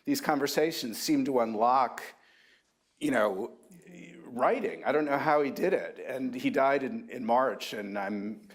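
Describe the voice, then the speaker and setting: A man in his sixties, an author at a university book talk, reminiscing thoughtfully with halting restarts. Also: medium pitch, breathy edge. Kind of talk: reflective anecdotal talk.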